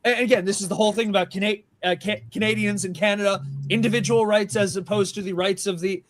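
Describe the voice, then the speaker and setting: Speaking quickly in a high, steady voice with no echo, this band member and show regular spins a long, meandering story for friends. He acts out quoted lines and uses lots of fillers and restarts, with several people around mics in a small room.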